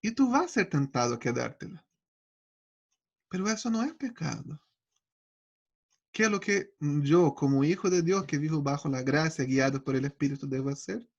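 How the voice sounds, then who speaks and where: A man's voice: fairly high pitch, animated, moderate pace, gravelly, pauses often, muffled recording. A man teaching an online Bible study, speaking with earnest, personal testimony. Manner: earnest personal testimony, acting out his own prayers.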